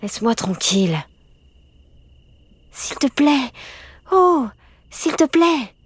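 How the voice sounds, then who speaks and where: A woman reading an audiobook and voicing a bold, impatient girl of about twelve who talks briskly and protests. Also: fairly low pitch, a little mellow, no echo, voice pushed up, lightly acted. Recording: music playing behind.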